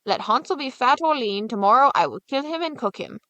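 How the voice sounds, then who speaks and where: A woman's voice: high-pitched, animated, fairly quick, bright, forceful tone, no echo, muffled recording, pitched above the performer's own voice. A woman voicing a cruel, greedy old witch in a storybook reading, with a mocking, commanding manner.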